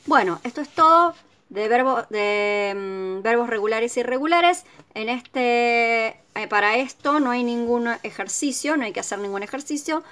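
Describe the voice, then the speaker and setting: Lady teacher, slightly high voice, calm and patient, keeps checking in with the class. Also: normal speed. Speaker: English teacher. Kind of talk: recorded video lesson.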